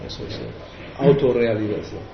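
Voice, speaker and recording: A man's voice: medium pitch, fairly even intonation, moderate pace, creaky, background noise. A man leading a devotional class, explaining verses in a hesitant way with many restarts. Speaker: spiritual teacher. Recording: roomy, dull recording.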